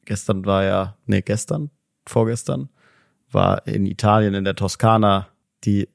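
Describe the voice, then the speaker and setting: Ein Mann, der als Co-Host in einem lockeren Podcast-Gespräch scherzt, oft lacht und Schlagzeilen vorliest. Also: male voice, on the low side, steady tone, unhurried, vocal fry, no room sound, clean studio sound. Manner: jokey, laughs often, reads headlines aloud. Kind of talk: casual podcast chat.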